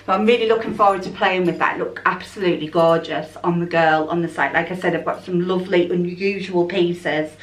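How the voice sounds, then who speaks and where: A woman's voice: lowish voice, fairly even intonation, a little fast, few pauses, far from the mic. Chatty woman vlogging a try-on haul. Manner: chatty, rambling, thinking aloud. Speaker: fashion vlogger. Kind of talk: casual try-on haul chat. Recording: echoey room, voice a bit off-mic.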